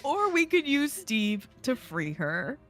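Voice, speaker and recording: A woman chatting casually as she plays a game. She takes her time, swings playfully up and down in pitch, and has music behind her. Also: sing-song, slow, a bit bright. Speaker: game player. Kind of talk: casual gameplay commentary.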